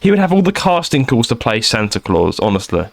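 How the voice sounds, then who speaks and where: A man's voice: mid-range voice, sing-song, fairly quick, gravelly. A man co-hosting a podcast in casual chat, joking and riffing on silly tangents. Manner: jokey, riffs on silly tangents, laughs often. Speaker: podcast co-host.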